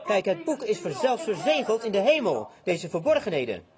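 A man's voice: sits high, wildly swooping pitch, a little fast, crowd noise. A man preaching a fervent sermon to a congregation, with cries of amen and repeated words. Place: church before a congregation. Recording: congregation audible behind.

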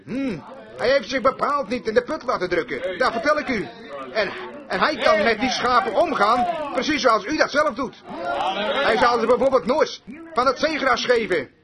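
A man's voice: very high voice, animated, normal speed, a crowd in the background. A man preaching a sermon, telling a story and acting out its dialogues.

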